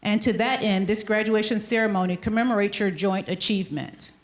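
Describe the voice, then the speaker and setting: A woman principal giving a measured, formal podium speech, reading a scripted ceremonial welcome. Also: medium pitch. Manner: formal, measured address to an assembly. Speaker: high school principal.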